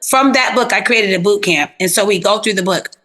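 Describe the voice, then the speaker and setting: A woman therapist telling stories in a casual interview, animated and plain-spoken with easy slang. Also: mid-range voice, brisk. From South Florida.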